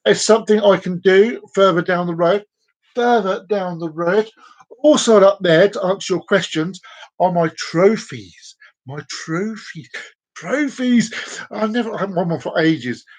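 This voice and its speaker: A man's voice: sits high, measured pace. A man in his forties hosts a live stream and talks straight to his viewers. He rambles playfully, repeats words and phrases, and keeps the chat loose and casual. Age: 40s.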